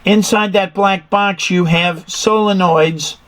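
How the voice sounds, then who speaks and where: A man's voice: high-pitched, fairly even intonation, slow, fairly bright tone, low-quality recording. A man teaches like a hands-on instructor. He explains technical details step by step and puts questions to his learner as he goes. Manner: methodical, quizzes the learner. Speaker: instructor giving an engine room tour.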